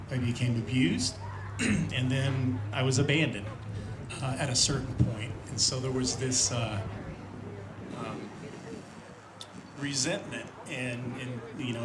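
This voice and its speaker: Earnest man from Indiana in an echoey hall. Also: mid-range voice. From Indiana, USA. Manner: earnest, reflective, with many fillers. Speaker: speaker sharing a recovery testimony. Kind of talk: personal testimony at a church event. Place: large room at a church event with an audience. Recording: roomy hall with audience noise.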